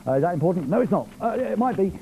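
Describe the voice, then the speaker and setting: High, lively, teasing TV host man. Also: rapid-fire, slight background noise. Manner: jokey, teasing and playful. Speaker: TV music show host. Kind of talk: live studio presenting, reading viewer messages. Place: television studio.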